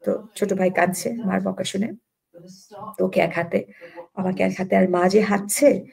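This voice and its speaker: An older woman from Bangladesh tells a personal story in an interview, with a gravelly edge and a dark, mellow tone. She speaks reflectively and unhurriedly, often pausing in hesitation. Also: medium pitch, steady tone. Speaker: interview guest recalling childhood.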